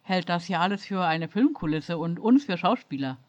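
A stern, angry male starship captain lectures the couple before him, as a woman reads him out. His lines come in a lowish voice, captured on a muffled, lo-fi track. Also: lively intonation, moderate pace, lightly acted. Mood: grave. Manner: scolding, lecturing.

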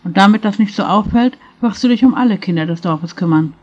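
A gentle, patient middle-aged man, voiced by a woman narrator speaks with quiet earnestness in a storybook reading. The delivery is warm in intent but plain, a little louder than the narration. The recording sounds slightly dull. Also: mid-range voice, fairly quick, natural voice. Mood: earnest. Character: gentle middle-aged male spirit guide, patient and kind.

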